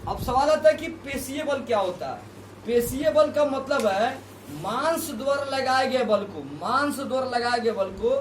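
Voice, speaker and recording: Male teacher, high voice, repeats terms and quizzes the class, roomy classroom echo, mic a few feet off. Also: slight background noise. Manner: repeats key terms, asks students questions. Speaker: physics teacher. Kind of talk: classroom lesson. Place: classroom with students. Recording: echoey room, voice from a distance.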